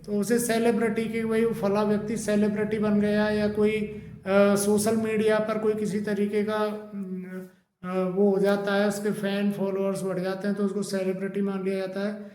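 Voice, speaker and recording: A man teaching English pronunciation, spelling words out letter by letter and repeating the correct forms, often pausing with fillers. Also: high-pitched, completely flat delivery, darkish tone. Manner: frequent hesitation fillers. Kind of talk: pronunciation lesson. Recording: echoey room.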